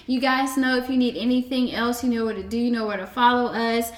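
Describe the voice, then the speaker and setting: A woman co-hosting a casual podcast, talking playfully and laughing between drawn-out sign-offs. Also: on the high side, steady tone, echoey room. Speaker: podcast co-host.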